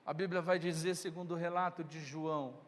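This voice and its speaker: A man's voice: on the high side, steady tone, a little fast. A man preaching a sermon in a church, retelling the story emphatically and addressing the congregation directly. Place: church sanctuary. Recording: long reverb in a church hall.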